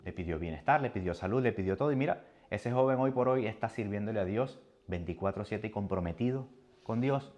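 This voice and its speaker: A man preaching a sermon with a personal testimony, animated and moving between soft and loud. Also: lowish voice, brisk, muffled recording.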